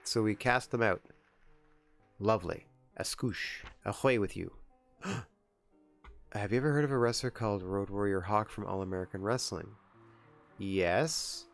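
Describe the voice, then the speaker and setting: A man's voice: on the low side, a little slow, gravelly, long pauses, soft background music. A young man streaming a wrestling management game, chatting and giggling to himself as he makes choices. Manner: chatty, giggly, talks to himself while deciding. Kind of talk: casual gameplay commentary.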